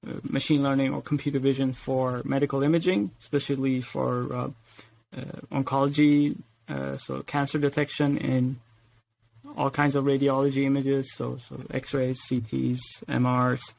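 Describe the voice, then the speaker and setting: Guy in his 40s, grew up in sweden, kinda gravelly, lots of uhs and ums, chill podcast guest. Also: mid-range voice, moderate pace. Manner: relaxed, hesitant with many fillers, laughs easily. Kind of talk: casual interview talk.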